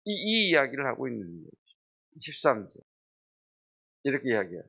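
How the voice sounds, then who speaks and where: A man's voice: medium pitch, wildly swooping pitch, a little fast, creaky. A middle-aged man preaching an early-morning sermon as pastor, earnest and building to a raised, impassioned close. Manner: earnest preaching that swells louder toward the end.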